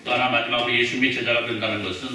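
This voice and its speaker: Chatty pastor in an echoey church. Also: male voice, medium pitch, flat delivery, rapid-fire, pushed and bright, a little hiss or hum. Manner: chatty, joking, asks the congregation questions. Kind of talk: sermon. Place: church sanctuary. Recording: echoey church hall, mic at a distance.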